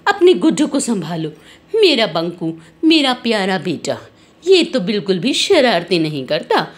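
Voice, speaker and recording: A proud, quarrelsome mother in a doll story, voiced by a woman, high and indignant as she brags about her son and scolds another child. She talks with a boastful, defensive edge.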